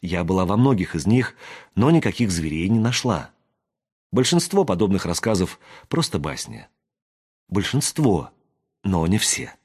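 A man reading an audiobook aloud, voicing a wary young woman who talks in a hushed whisper. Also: deep voice, big pitch swings, measured pace, slightly rough, heavily acted. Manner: whispering, hushed and matter-of-fact.

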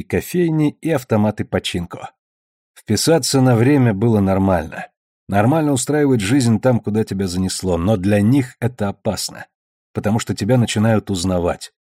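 A man narrating a novel as an audiobook reader, in an even, measured way. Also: lowish voice, slightly rough, no echo, studio quality.

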